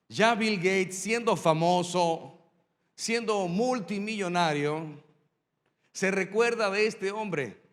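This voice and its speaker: A man preaching as a pastor, his voice pitched high for a man. He leans on repetition and dramatic pauses to drive his points home. A long, hall-like reverb trails behind every phrase. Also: fairly bright tone. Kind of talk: sermon storytelling.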